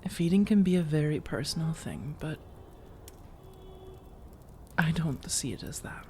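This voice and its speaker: For an ASMR audio roleplay, a woman plays a seductive vampire lady looking for a roommate, flirting and coaxing in a coy, teasing mood. Her warm, low-lit voice is soft-spoken and breathy with whispery edges, yet animated, and her intimate, measured delivery uses slow, deliberate teasing pauses. Slight background noise is audible.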